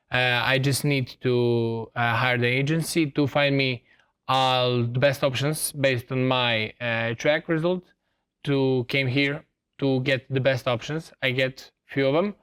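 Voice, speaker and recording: Young Serbian-accented man, smooth voice. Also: mid-range voice, a bit bright. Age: young adult. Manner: earnest, with many hesitations. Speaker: student athlete guest. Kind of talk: studio interview answers. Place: TV studio set.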